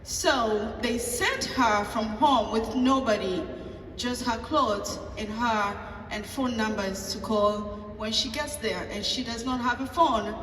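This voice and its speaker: A woman pastor with a Tanzanian accent and a fairly high voice tells a personal story at a table talk. She acts out the dialogue and pauses on fillers. She is heard from a distance in a long, echoing hall with faint ambient noise. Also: fairly bright tone.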